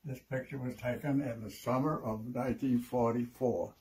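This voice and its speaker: An elderly American man, an old veteran remembering his service in a plain, halting way. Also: medium pitch, steady tone, a little mellow, rough recording. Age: 80s or older. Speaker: World War II veteran. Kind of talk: personal reminiscence.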